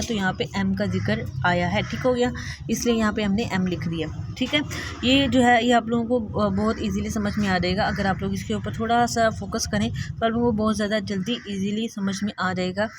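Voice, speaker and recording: A woman teacher giving an exam-prep lecture. She explains step by step, often says "theek hai", and slows down to read passages aloud. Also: mid-range voice, steady tone, noisy background.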